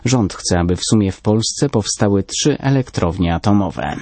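Low, dark-voiced male newsreader. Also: animated, no room sound. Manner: measured, formal. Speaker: news reader. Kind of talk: scripted news reading.

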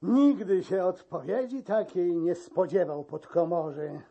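Slow, dark-voiced male verse reader. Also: high-pitched, creaky, breathy edge. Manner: slow, expressive storytelling. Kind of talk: dramatic verse narration. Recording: dull lo-fi recording.

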